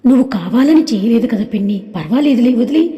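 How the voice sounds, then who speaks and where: A protective young man with a quick temper, voiced by a woman narrator in an audio story. He snaps sharply when angry and turns soft and soothing when comforting. The sound is mellow and dark, with a long hall reverb behind it. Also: fairly high pitch, lively intonation, muffled recording, natural voice. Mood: tender.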